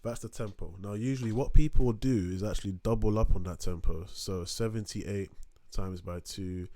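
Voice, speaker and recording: A man's voice: on the low side, normal speed, mellow. A young man giving a casual beat-making tutorial, rambling with lots of fillers and restarts, sometimes drifting off his desk mic. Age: young adult. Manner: rambling, filler-heavy, self-interrupting. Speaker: music production tutor. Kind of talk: casual screen-recorded tutorial. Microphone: desk microphone, sometimes turned away from.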